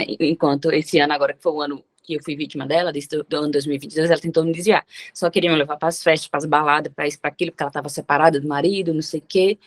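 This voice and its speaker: A woman guest sharing a personal story with emphatic, religious phrasing. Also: deep voice. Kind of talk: personal testimony in conversation.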